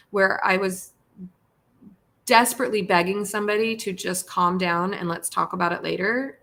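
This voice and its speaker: A woman's voice: fairly low pitch, pushed and bright. A woman hosting a live stream, talking earnestly and pleading with her listeners, often repeating words and at times tearful. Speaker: podcast host and pet spa owner. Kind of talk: live-stream casual talk.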